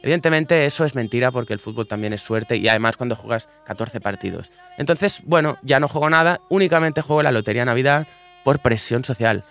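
Male host, Spain accent, mid-pitched, loose off-the-cuff chat. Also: fairly quick, vocal fry, a bit bright. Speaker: radio or podcast host. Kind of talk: improvised casual presenting.

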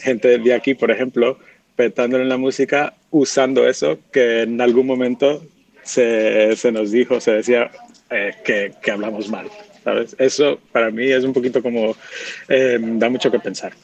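A man with a medium, quite flat voice who muses aloud in a recorded clip. He rambles through his points in an even tone and keeps circling back to them. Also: medium pitch, moderate pace, vocal fry.

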